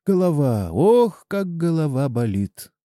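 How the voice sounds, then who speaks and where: A man's voice: a little high, very animated, takes it slowly, dark tone, no echo, studio quality, pitched above the performer's own voice. A man doing a small feverish little boy. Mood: feverish, weak. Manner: pleading, childlike. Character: small sick boy longing for his father.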